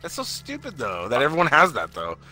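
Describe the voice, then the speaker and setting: Excitable swearing gamer guy. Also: mid-range voice, a little fast. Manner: excitable, loud frustrated outbursts and swearing. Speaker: gamer playing with a friend. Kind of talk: casual gaming chat.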